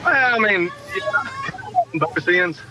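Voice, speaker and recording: A man's voice: sits high, wildly swooping pitch, slow pace, crowd noise, noisy background. A man calling in to a casual radio interview, talking in a folksy, plain-spoken way while his phone connection breaks up and stutters. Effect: choppy phone line breaking up, buffering stutter. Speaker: phone-in guest.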